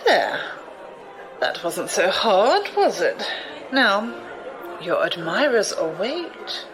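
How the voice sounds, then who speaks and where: In an audio drama, an older actress plays a sly, amused, commanding old noblewoman, with a refined, teasing, theatrical delivery. Her mid-range voice is sing-song and slow. The audio is poor, with a crowd audible in the background.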